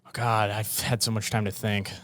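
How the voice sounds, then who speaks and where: A man's voice: on the low side, level tone, moderate pace, fairly bright tone, dry recording. A man from Minnesota, a guest comedian on a podcast, talking hesitantly with lots of ums and nervous laughs. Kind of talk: casual comedy chat.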